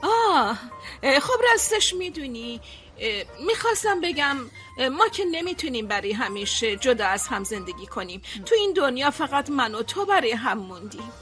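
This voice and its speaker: A woman's voice: sits high, big pitch swings, fairly bright tone, soft background music. A woman dubbing a lonely middle-aged mother who fusses and hesitates with her grown daughter. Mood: fussing. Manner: hesitant, fussing. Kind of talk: dubbed drama acting.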